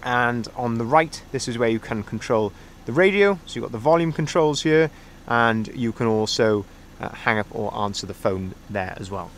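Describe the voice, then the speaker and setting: A man who manages van sales, giving a walk-around tour of a van outdoors at a dealership while filming it by hand. He talks in a relaxed sales patter with plenty of fillers. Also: mid-range voice, normal speed, slight background noise. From Wales. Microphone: camera held by the speaker, filming by hand.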